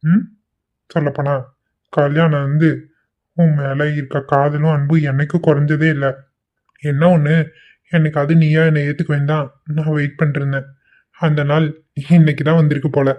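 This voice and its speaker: A man's voice: fairly high pitch, little pitch movement, moderate pace, pauses often, lightly acted. A man voicing a confident, protective young husband in a cartoon. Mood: affectionate. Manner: bossy, confident. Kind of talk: cartoon voice acting. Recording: tinny phone-like sound.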